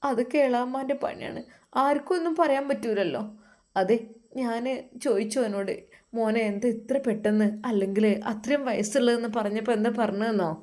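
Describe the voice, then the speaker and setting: A woman with a Malappuram Malayalam accent voicing a soft-spoken, tearful young wife who talks hesitantly and pleadingly. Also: fairly high pitch, fairly quick, natural voice. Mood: hurt. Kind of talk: storytelling voice acting.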